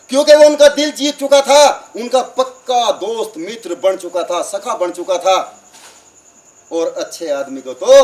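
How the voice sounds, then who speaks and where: A man, preaching at a satsang as a lively storyteller who acts out the dialogue and asks the crowd questions. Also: high voice. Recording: far from the mic, crickets in the background.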